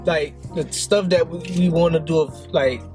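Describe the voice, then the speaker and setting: A man co-hosting a casual food vlog, joking around with loud, playful exclamations. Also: a little high, fairly even intonation, normal speed, soft background music. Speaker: vlog co-host. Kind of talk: casual mukbang chat.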